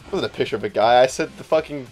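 A young man rambles through loose gameplay commentary, swearing often and jumping into arguments with his co-host. He speaks at an ordinary middle pitch. Faint music plays underneath. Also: rapid-fire, darkish tone. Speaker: let's play host.

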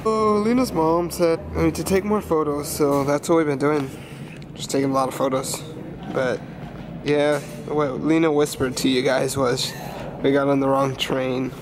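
A man's voice: a little high, steady tone, normal speed, background noise. A young man from California chatting casually in a travel vlog, laid-back and joking, filmed on a handheld camera. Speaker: vlogger's partner. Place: outdoors in snow and indoors in a restaurant and subway.

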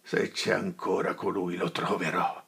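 A man's voice: low voice, steady tone, slow, creaky, fairly bright tone, breathy edge, heavily acted. A man voicing a desperate, furious young man in an audiobook, breaking into rising outbursts.

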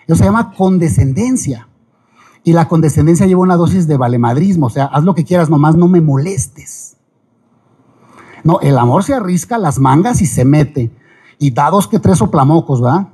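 Mexican guy giving a talk, kinda high voice, mellow and husky, jokey asides. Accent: Mexican Spanish. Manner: lively, folksy, quick asides and jokes. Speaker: speaker giving a talk on ethics. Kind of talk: lecture-style public talk.

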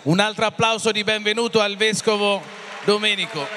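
Man, presenter, high pitch, ceremonious delivery, long echo. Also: normal speed, background noise. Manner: ceremonious, rhetorical repetition. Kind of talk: formal introduction to an audience. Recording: reverberant hall.

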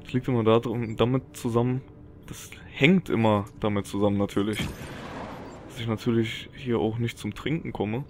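A man's voice: mid-range voice, steady tone, moderate pace, a little mellow, slight background noise. A man giving casual gameplay commentary as a let's player. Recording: game music and effects behind. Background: video game music and action sounds.

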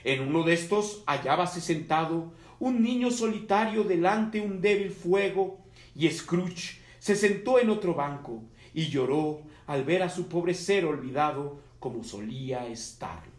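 A man narrating a classic story in an even, measured way as part of a group reading. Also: a little high. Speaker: volunteer reader. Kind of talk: audiobook narration. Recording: echoey room.

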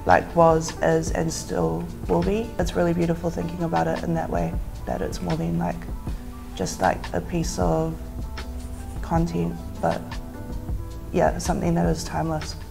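A woman's voice: fairly low pitch, unhurried, creaky. A young woman from South Auckland, a producer speaking earnestly in a casual interview, with plenty of "like". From South Auckland, New Zealand. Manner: earnest, heavy use of "like". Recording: music bed underneath.

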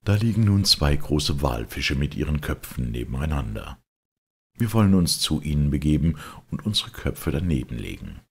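A husky, gravelly male narrator works through a literary audiobook with careful, unhurried phrasing. His voice rumbles low.

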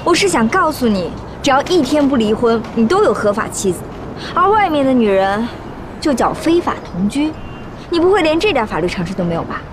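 An actress playing a proud, stubborn young wife who speaks coldly and firmly in a TV drama. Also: female voice, sits high, big pitch swings, a little fast, background noise. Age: young adult. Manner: cold, firm. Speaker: daughter, wife. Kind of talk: TV drama acting.

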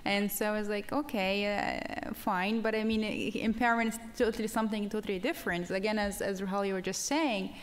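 A woman panelist answers with animation, mimicking how others react to her. Her voice sits at a middle pitch. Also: steady tone, fairly quick, hardly any pauses.

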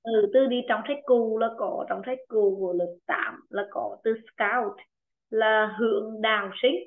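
A woman English teacher speaking with a Vietnamese accent, her voice pitched a little high. She coaxes students along and repeats words slowly for them to copy. The sound is narrow and tinny, like an online call. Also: fairly even intonation. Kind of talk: online pronunciation lesson. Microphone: video call. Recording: tinny phone-like video call audio.

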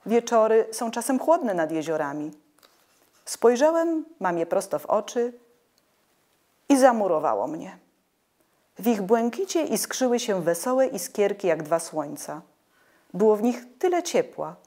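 A woman reading a children's story aloud with expressive, melodic narration. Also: mid-range voice, measured pace, long pauses. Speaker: audiobook reader.

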